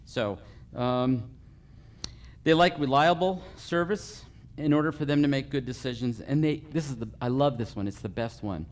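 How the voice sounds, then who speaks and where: A man's voice: mid-range voice, moderate pace. Man coaching a group through a list. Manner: runs through a numbered list, checking in with frequent okays. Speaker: customer service trainer. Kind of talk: live training talk to a group. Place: meeting room with a live audience.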